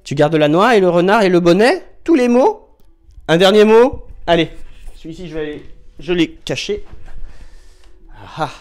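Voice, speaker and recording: A man's voice: high-pitched, animated, moderate pace, long pauses, darkish tone, faint music behind. A man teaching young children from home, patiently spelling out syllables and counting down with a small child nearby.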